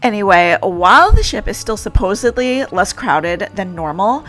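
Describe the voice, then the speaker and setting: A woman's voice: mid-range voice, big pitch swings, normal speed, fairly bright tone, faint music behind. A woman vlogging casually aboard a cruise ship, chatting upbeat and directly to her viewers. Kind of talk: casual vlog narration.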